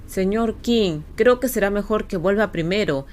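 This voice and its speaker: A woman voicing a respectful male bodyguard who speaks low to persuade. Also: normal speed, lightly acted. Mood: anxious. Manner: low, coaxing. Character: respectful worried bodyguard man.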